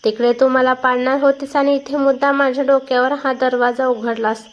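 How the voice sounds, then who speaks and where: A woman reading a story aloud and voicing an angry older mother who shouts accusations. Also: sits high, flat delivery, normal speed, natural voice. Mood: furious.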